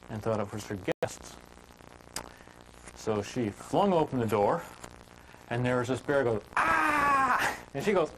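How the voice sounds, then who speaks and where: A man teaching woodcarving in a relaxed, homespun storytelling manner, chatting with filler words as he works. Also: mid-range voice, slight background noise, low-quality recording. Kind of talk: folksy storytelling while demonstrating carving.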